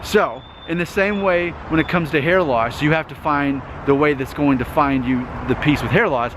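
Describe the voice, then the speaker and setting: At a normal pace and a pitch on the high side, a YouTube host in his 30s delivers an earnest monologue to camera. He circles back on his words and keeps saying "okay?" over loud outdoor traffic.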